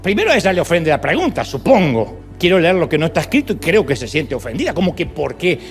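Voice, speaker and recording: Animated, high-pitched preacher with dramatic swings. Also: male voice, fast talker, faint music behind. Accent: Argentine Spanish. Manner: dramatic storyteller, acting out quotes with sudden high cries; humorous asides. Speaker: pastor. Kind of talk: sermon.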